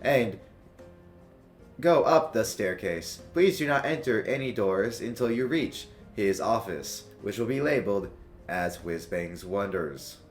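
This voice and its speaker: A man's voice: lowish voice, lively intonation, measured pace, soft background music. A man voicing a polite clockwork robot receptionist, greeting visitors in a chipper, formal customer-service manner during a tabletop game. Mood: cheerful formal. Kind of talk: tabletop role-play character voice.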